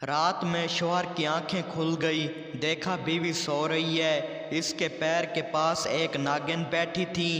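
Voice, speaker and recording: A man reading a string of short jokes aloud in an unhurried, sing-song way. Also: a little high, little pitch movement, a bit bright, raised voice. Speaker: joke narrator. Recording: echoey room with long reverb.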